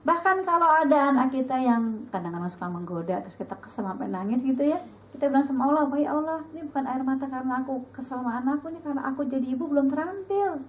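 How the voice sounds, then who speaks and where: High-voiced chatty woman teaching a group. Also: fast talker, rough recording. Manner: lively, chatty, acts out dialogue with sudden high pitch. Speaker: religious teacher at a women's study group. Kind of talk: casual religious talk to an audience.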